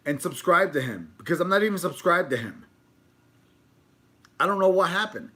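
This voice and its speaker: A man's voice: high voice, lively intonation, normal speed, sharp tone. A man chatting informally on a food livestream, rambling along with casual slang. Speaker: food video creator.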